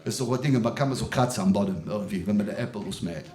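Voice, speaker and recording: A comedian with a thick Cologne dialect, rambling through a stand-up set on a small theater stage, full of "ne" and "weißt du". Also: male voice, on the low side, rapid-fire, a little mellow, echoey room, a little hiss or hum. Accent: Kölsch (Cologne dialect). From Cologne area, Germany. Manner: rambling, chatty, many fillers like "ne" and "weißt du".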